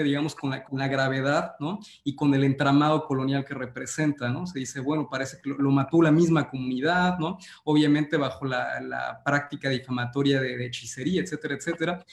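A man's voice: medium pitch, vocal fry, roomy sound. A man co-hosting an interview who speaks hesitantly, searching for words and using many fillers. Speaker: co-host. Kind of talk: conversational interview.

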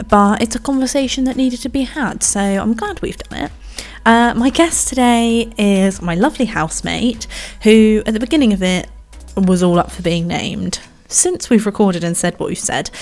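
A woman's voice: medium pitch, expressive, normal speed, few pauses. Chatty young woman hosting a podcast. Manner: chatty and giggly. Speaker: podcast host. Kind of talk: casual chat.

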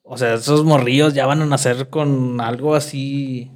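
Young Mexican man, co-host, casual and slangy, mid-pitched. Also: steady tone. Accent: Mexican Spanish. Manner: slangy, halting with restarts. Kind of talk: casual chat.

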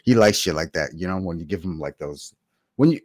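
Young man with a lowish easygoing voice. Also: expressive, a little fast, dry recording, clean studio sound. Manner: easygoing, laughs often, lots of you know and like. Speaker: podcast co-host. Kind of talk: casual chat.

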